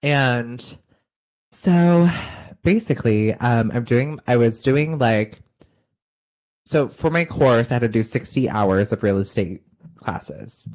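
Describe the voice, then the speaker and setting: A man's voice: mid-range voice, lively intonation, slow, a little mellow. Chatty man telling a story on a call. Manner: chatty storyteller, many fillers and restarts. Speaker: podcast co-host. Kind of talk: casual chat.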